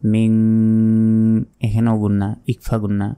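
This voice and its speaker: A man with a Bangladeshi Bengali accent teaches Quran pronunciation, briskly explaining each sound and then chanting the words slowly with long-held vowels. His voice is fairly low and warm, with a flat delivery.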